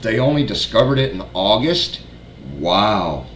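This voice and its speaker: A man with a lowish voice reads news aloud, then cuts in with blunt, scornful remarks and free swearing. His voice carries a roomy echo, with faint ambience underneath. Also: big pitch swings, unhurried, fairly bright tone, a little hiss or hum. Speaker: prepper channel host.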